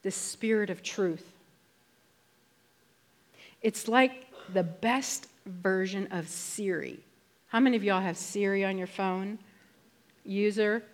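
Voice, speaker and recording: A woman delivers a sermon in a church with a voice of middling pitch. She talks to the congregation casually, then leans hard on key words and slows right down for emphasis. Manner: conversational, emphatic, with slowed stressed phrases. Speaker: preacher.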